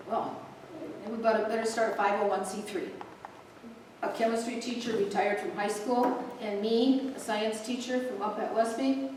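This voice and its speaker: A woman's voice: fairly high pitch, darkish tone, a little hiss or hum. Chatty woman host in an echoey hall. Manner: chatty, joking, with asides and laughs. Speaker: host introducing a speaker. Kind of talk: casual welcome speech to a live audience. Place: community event hall. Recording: echoey room picked up from a distance.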